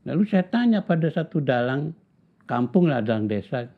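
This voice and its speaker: Man in his 70s, husky voice, unhurried storytelling, repeats words for emphasis, phone-like tinny audio. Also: mid-range voice, sing-song. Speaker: interviewee. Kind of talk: reflective storytelling in conversation.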